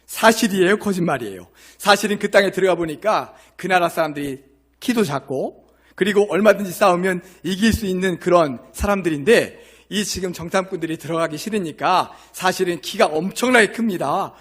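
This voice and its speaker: A male pastor from Korea preaching a Sunday sermon, reading scripture slowly and then explaining it with questions to the congregation. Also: sits high, fairly bright tone. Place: church sanctuary.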